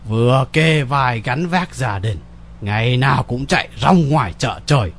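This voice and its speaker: A man's voice: medium pitch, animated, fairly bright tone, a little hiss or hum. A man playing a weary, resigned old father. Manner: slow, sighing, sprinkles polite particles.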